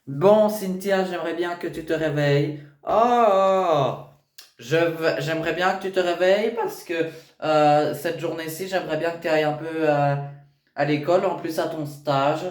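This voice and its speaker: A man voicing an exasperated middle-aged mother who stumbles and hesitates as she scolds, recorded in an echoey room. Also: close to an everyday voice. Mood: pleading. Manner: low, halting, full of hesitations.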